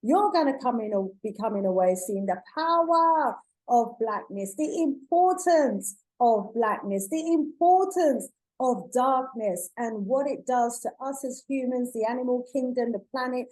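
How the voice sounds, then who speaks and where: High-pitched woman hosting with enthusiasm. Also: animated, unhurried, rough recording. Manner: warm, affirming, addresses audience as family. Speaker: host. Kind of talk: enthusiastic show introduction.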